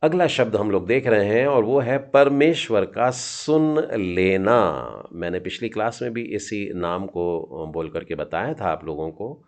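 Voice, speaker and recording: A man with a deep, low voice teaches a children's Hebrew lesson at an unhurried pace. He sounds out each letter patiently and cheers his young students on. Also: lively intonation.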